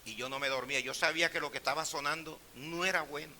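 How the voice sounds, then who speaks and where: A middle-aged male pastor preaching a sermon, telling personal stories in a hushed voice and rising to loud, emphatic preaching. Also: on the high side, fairly even intonation, quick pace, slight background noise.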